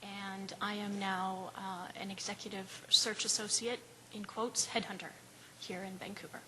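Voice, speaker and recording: A woman's voice: medium pitch, flat delivery, unhurried, sharp tone, slight background noise, low-quality recording. A woman from Calgary introducing herself briefly and wryly as a panelist. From Calgary, Canada.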